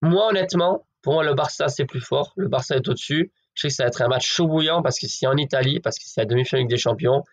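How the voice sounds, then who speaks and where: This man talks fast with hardly any pauses, his voice sitting in the mid range. He gives football betting predictions in a casual, chatty way, speaking straight to his viewers as if they were friends and hedging with lots of fillers.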